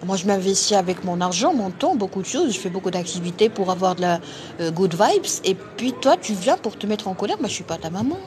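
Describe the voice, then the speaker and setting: A woman's voice: medium pitch, very animated, brisk, a crowd in the background. A woman from Morocco with a Moroccan accent, talking straight to her live-stream viewers. She is insistent and blunt, hammering her points home with short, repeated phrases, and her voice sounds a little tired. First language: Arabic. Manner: emphatic, forceful, repetitive. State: a bit tired. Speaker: doctor hosting a live stream.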